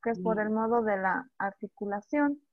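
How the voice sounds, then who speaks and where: A woman teacher giving an online language lesson, who sounds out speech sounds slowly and repeats examples. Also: medium pitch, dry recording. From Bolivia. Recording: dull dry lo-fi audio.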